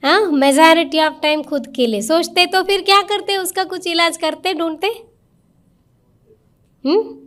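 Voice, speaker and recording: Woman, high-pitched, spiritual teacher, interactive talk, coaxing questions to the audience. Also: unhurried, pauses often, fairly bright tone. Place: meditation centre hall with a live audience.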